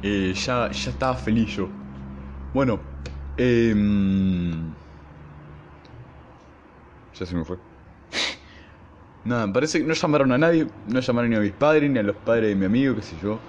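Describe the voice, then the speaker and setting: A young man with an Argentine accent, hosting his podcast and telling a school story in a casual, slangy, animated way. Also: on the low side, dull audio, a little hiss or hum. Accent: Argentine Spanish. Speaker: podcast host.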